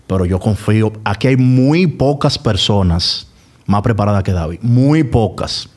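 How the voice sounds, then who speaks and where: A man's voice: lowish voice, lively intonation, normal speed, a little mellow. A man with a Dominican accent, a sports commentator talking casually as a podcast guest. He stresses his points by repeating words.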